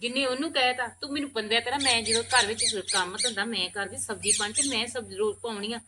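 A woman with a Punjabi accent rattles off her grievances in a quick, aggrieved rant, her voice sitting a little high. Her rural short-film scene plays over clearly audible background noise. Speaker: actor in a village short film.

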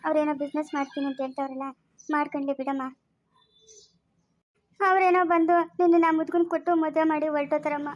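A woman's voice: high voice, steady tone, quick pace, long pauses, lightly acted. A woman playing a worried, tearful poor mother in an amateur family drama, speaking rural Chikkaballapur Kannada. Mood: pleading. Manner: pleading, emotional.

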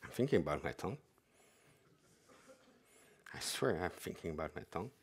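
A developer advocate in his forties, half French and half Dutch with a French accent, gives a live demo talk on the stage of a large conference hall. His deep, slightly rough voice is expressive and moves at a moderate pace, and his delivery is chatty and self-mocking.

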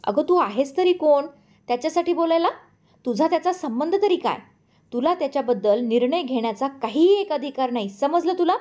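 Reading a story aloud in a slightly high, natural voice, a woman gives an audiobook character voice to a scornful, scheming middle-aged woman. The character speaks sharply, mockingly, and in a hurry.

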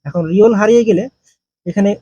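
A man teaching a language grammar lesson, explaining slowly and answering his own questions. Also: sits high, dark tone, no echo, highs cut off.

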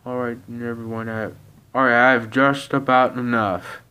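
A man reading aloud and voicing a grumpy, gruff male ogre who is a father wanting a quiet holiday with his family. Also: medium pitch, flat delivery, normal speed, lo-fi sound, natural voice. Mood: grumbling.

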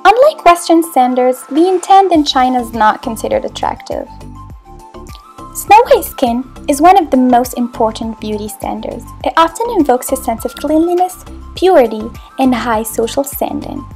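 A young woman from Morocco reads her video narration in a high, light voice. Her delivery is scripted and explanatory. Faint music plays underneath. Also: animated, normal speed, a little mellow. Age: young adult. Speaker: student presenter.

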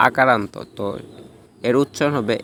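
A man's voice: mid-range voice, normal speed, fairly bright tone, slight background noise. A young man teaching an exam-prep pronunciation lesson, explaining rule by rule and answering his own questions.

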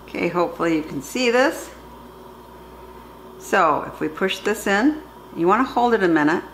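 A middle-aged woman who reviews products gives a casual hands-on demonstration in her home kitchen, explaining things plainly with the camera a few feet away. Her mid-range voice is a bit bright, with lively intonation and a moderate pace. The recording has a roomy echo and faint background noise.

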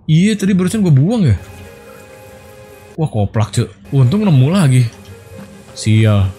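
A man's voice: fairly high pitch, a little slow. A young man, commentating casually on his own gameplay, joking and squealing as he plays. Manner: playful, excitable, jokey slang and squeals. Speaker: gameplay streamer. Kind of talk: casual let's play commentary. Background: game music.

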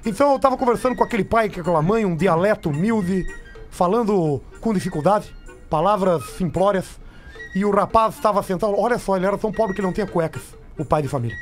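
High-voiced man telling comic stories. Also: quick pace, soft background music. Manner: repeats phrases for dramatic build-up. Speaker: radio show comedian. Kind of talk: comic storytelling in radio banter. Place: small radio studio. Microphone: studio microphone, close, with headphones.

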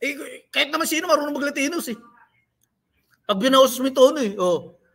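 A man's voice: very high voice, expressive, a little fast, fairly bright tone. A man hosting a livestream, mocking and scolding the people he talks about in a rant. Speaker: livestream host. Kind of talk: live-stream commentary.

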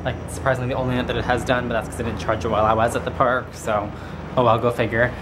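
A man's voice: mid-range voice, flat delivery, racing, noisy background. A young man chatting casually and informally to his vlog camera at arm's length in a hotel room. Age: young adult. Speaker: vlogger. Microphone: handheld camera at arm's length.

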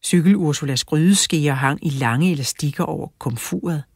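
A woman narrating a children's audiobook in a steady storytelling manner, close to the mic. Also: low-pitched, slightly rough, dry recording.

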